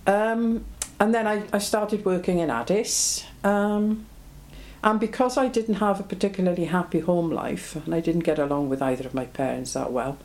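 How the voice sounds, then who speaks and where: In this oral history interview, the interviewee is a woman in her seventies from Belgium whose voice is low and mellow. She talks at a moderate pace, plainly and reflectively, often saying um.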